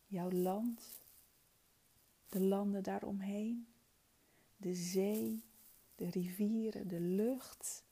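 A woman leading a guided meditation in a soft, soothing, spa-like whisper, gentle and breathy. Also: mid-range voice.

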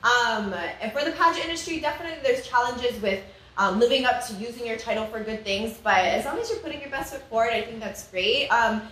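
A woman's voice: on the high side, fairly quick, a bit bright. A woman with a Hawaiian accent in casual interview chat, speaking informally and expressively as a pageant director. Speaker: pageant director and titleholder, guest. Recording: echoey room with faint noise.

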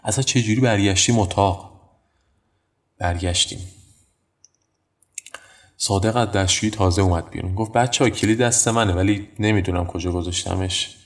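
A man's voice: fairly low pitch, pauses often, lightly acted. An actor playing a young man who took the blame and recounts events in a plain, matter-of-fact monologue. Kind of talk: dramatic monologue.

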